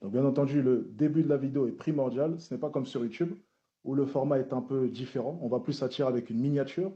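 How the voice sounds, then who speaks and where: A man with a very dark, mellow voice gives formal, measured answers to questions. He repeats key phrases as he speaks. The recording sounds dull and lo-fi. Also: medium pitch. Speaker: social media content creator testifying at a hearing.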